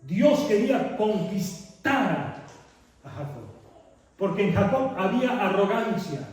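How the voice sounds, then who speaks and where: A man preaching to his congregation in a high voice, unhurried and deliberate, throwing questions at the listeners and circling back to repeat his key lines. He is picked up from some distance in a strongly echoing church hall. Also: a little mellow. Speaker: pastor. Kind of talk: sermon. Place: church sanctuary. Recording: echoey church hall, mic far off.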